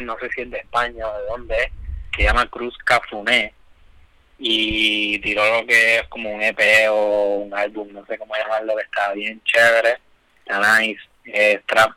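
A man's voice: medium pitch, pushed and bright, clean tone, no room sound, low-quality recording. A man co-hosting a podcast, chatting loosely with slang and lots of fillers. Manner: laid-back, loose slang, many fillers. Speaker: podcast co-host. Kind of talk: casual chat.

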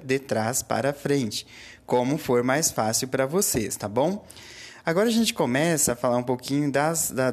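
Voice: mid-range voice, darkish tone. Patient Brazilian teacher explaining grammar. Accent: Brazilian Portuguese. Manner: patient, explanatory, checks in often with the listener. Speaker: Portuguese language teacher. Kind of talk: recorded grammar lesson.

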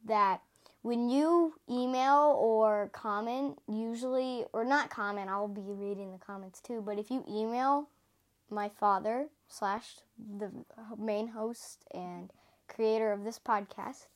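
A woman's voice: a little high, slow pace. A ten-year-old girl co-hosting a casual podcast, chatty and giggly, often apologizing for interrupting. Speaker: podcast co-host.

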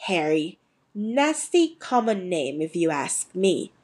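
A woman voicing a sharp, disapproving middle-aged wife in a storybook, answering curtly and stiffly. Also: lowish voice, big pitch swings, slow, husky, exaggerated voice. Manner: curt, snapping.

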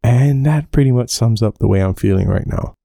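A man's voice: medium pitch, fairly quick, creaky, warm tone, breathy edge, no room sound, studio quality. Man podcasting under a blanket. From Belize. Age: 20s. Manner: rambling, chatty, self-aware about going off topic. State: sweating, hot under a blanket. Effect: recorded under a blanket. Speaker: podcast host. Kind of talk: casual solo podcast chat. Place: home bedroom, under a blanket. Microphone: home podcast mic under a blanket.

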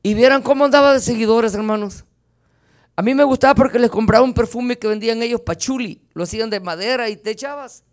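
A man with a strikingly high voice delivers an impassioned evangelical sermon. He leans on his listeners as brothers, shouting out declarations and then dropping low for quieter asides as he weaves in his own testimony. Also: quick pace. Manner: fervent, swings between loud declarations and soft asides; keeps addressing listeners as brothers. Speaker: lay preacher.

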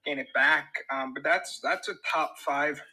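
A man giving casual sports analysis as a podcast guest, halting and repeating words as he thinks. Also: fairly high pitch, fairly even intonation, sharp tone, soft background music, rough recording.

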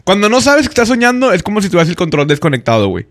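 A man's voice: sits high, very animated, racing, fairly bright tone. A young man with a Mexican Spanish accent, chatting casually and crudely with friends on a podcast. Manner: crude slang-heavy banter, laughs often. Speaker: podcast co-host. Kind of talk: casual chat.

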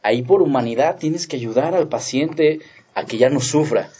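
Slow-explaining man, lo-fi sound. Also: medium pitch, mellow, slightly rough. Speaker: veterinarian guest. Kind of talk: casual podcast chat.

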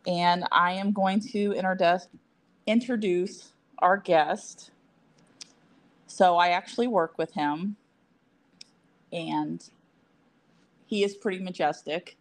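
A woman co-hosting a casual podcast, chatty and quick to laugh, with self-deprecating asides. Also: fairly low pitch. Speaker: podcast co-host.

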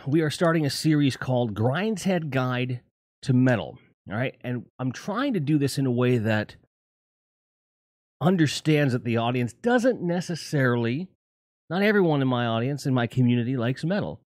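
Recorded with clean studio sound and no echo, a middle-aged man hosts his own livestream in a mid-range, slightly mellow voice. He chats casually with viewers, rambling, swearing and frequently correcting himself.

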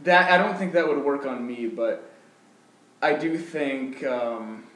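A man's voice: medium pitch, slow, fairly bright tone, distant mic. A man co-hosting a podcast in casual chat, hesitant and rambling with restarts. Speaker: podcast co-host. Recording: echoey room, faint background noise.

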